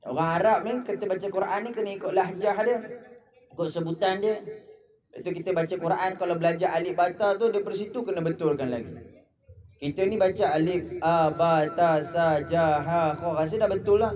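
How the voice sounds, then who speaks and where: A man's voice: high-pitched, fast, crowd noise. A Malaysian man giving a humorous Ramadan lecture in a mosque, telling stories and mimicking characters. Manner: jokey storytelling, mimics characters. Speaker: preacher.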